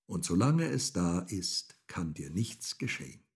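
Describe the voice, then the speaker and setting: A man's voice: low voice, sing-song, measured pace, slightly rough, full character voice. A man voicing a kindly old wise woman in a fairy tale, speaking in a comforting way.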